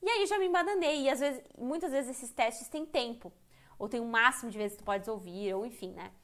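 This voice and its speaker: A woman's voice: on the high side, fairly even intonation, moderate pace, fairly bright tone. A Brazilian woman teaching English in a live online lesson, speaking candidly and chattily, often breaking off and restarting her sentences. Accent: Brazilian Portuguese. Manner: candid, chatty, self-interrupting. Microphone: computer mic on a live stream.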